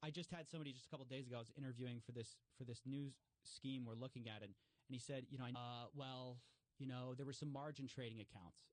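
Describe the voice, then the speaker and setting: A man talking casually as an interview guest. He explains fraud cases with lots of fillers and restarts, and he jumps higher when he acts out what other people said. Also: fast, no room sound. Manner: animated, acts out quoted remarks with raised pitch. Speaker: guest commentator on fraud stories.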